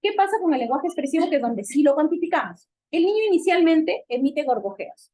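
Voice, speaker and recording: A woman physician with a Peruvian Spanish accent lectures on medicine. Her voice sits slightly high, and she keeps the talk animated by posing questions and answering them herself. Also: brisk. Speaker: physical medicine doctor lecturing on child development.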